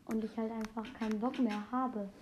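A woman chatting excitedly while playing a video game, exclaiming often and rambling between facts. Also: a little high, moderate pace, slight background noise. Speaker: game player. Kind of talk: casual gameplay commentary.

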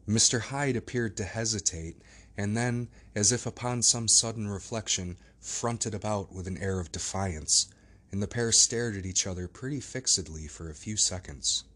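A man narrating a classic novel as an audiobook, in measured, steady storytelling. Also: on the low side.

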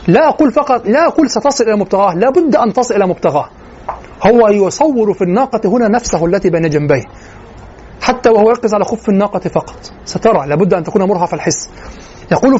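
A man teaching a lesson on classical poetry, explaining verses line by line and reciting them slowly. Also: high-pitched, darkish tone, breathy edge. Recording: dull lo-fi recording with faint noise.

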